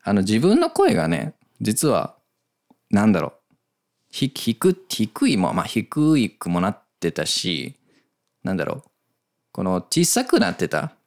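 Co-hosting a casual bilingual podcast from a small makeshift studio behind a cafe, a native Japanese speaker talks with a Japanese accent. His lowish, gravelly voice moves fairly quickly, its pitch swooping wildly.

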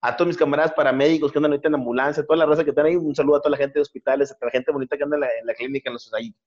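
Male host, joke teller, lively and slangy, slightly high voice. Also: rapid-fire, muffled recording. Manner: slangy, lively, acts out voices, repeats words. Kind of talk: casual joke telling with greetings.

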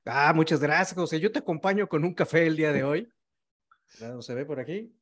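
A man's voice: on the high side, fairly quick, fairly bright tone. A man hosting a podcast in a conversational, courteous and wordy interviewing style. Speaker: podcast host.

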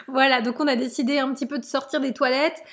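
High-voiced chatty woman hosting a podcast. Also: fairly even intonation, quick pace, fairly bright tone. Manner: chatty, addresses listeners directly. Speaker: podcast host. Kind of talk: casual podcast interview.

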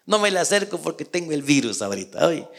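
High, lively-voiced preaching man. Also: quick pace, vocal fry. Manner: preaching with sweeping rises and hushed drops; rhetorical questions and direct address to listeners. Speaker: pastor. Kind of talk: sermon.

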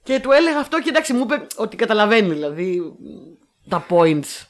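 Woman co-host, casual chat, sarcastic and animated, mimics quotes. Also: medium pitch. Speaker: podcast co-host. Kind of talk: casual chat reviewing films.

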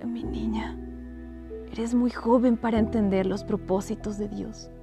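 A woman playing a dying mother, hushed and weak. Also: mid-range voice, steady tone, moderate pace, creaky, over music, natural voice. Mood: weak tender. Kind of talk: dramatic audiobook reading.

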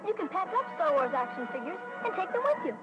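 An excited child , acted by a woman, shows off toys in a vintage TV commercial. The voice is extremely high and animated, with loud music behind it. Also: quick pace, highs cut off. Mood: eager. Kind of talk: vintage toy commercial acting.

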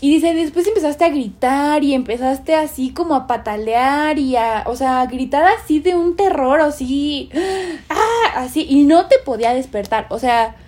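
Young woman telling a spooky story, animated, fillers everywhere, slightly high voice. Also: moderate pace, hardly any pauses. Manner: animated, acts out quoted voices, many fillers. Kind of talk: casual chat, telling a ghost story.

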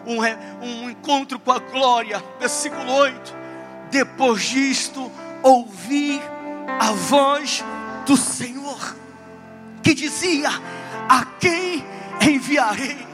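A man preaching a sermon as pastor, with passionate delivery that climbs to shouting. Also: very high voice, slow, music in the background. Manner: impassioned preaching, rising to shouts.

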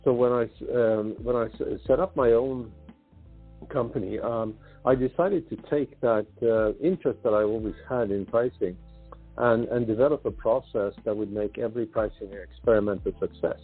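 A middle-aged man from Sweden, a pricing consultant guest on a podcast, speaking hesitantly with many restarts and throat-clearing. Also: medium pitch, moderate pace, soft background music. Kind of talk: podcast interview. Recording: tinny phone line.

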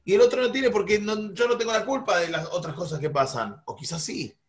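Rioplatense male teacher, high voice, lively, questions the class. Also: brisk. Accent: Rioplatense Spanish. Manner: animated, asks the class questions, acts out quarrels. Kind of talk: classroom lesson.

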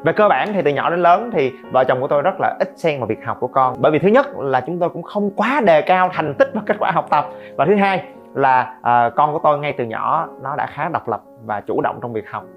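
A middle-aged man hosts a podcast about parenting and makes lively, joking asides to listeners. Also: fairly high pitch, brisk. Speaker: podcast host. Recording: slightly dull, faint guitar music.

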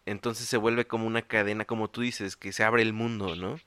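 Male host, low, bright and punchy, slangy and chatty. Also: little pitch movement, fairly quick, clear, resonant tone, no echo. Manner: chatty, slangy, asks follow-up questions. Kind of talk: casual interview conversation.

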